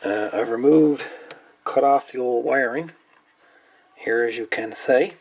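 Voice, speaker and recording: A man with a medium-pitched, slightly mellow voice and a measured pace explains a hands-on radio repair at an indoor workbench. He is a hobbyist presenter speaking casually, matter-of-factly and off the cuff, recorded on a noisy amateur camera.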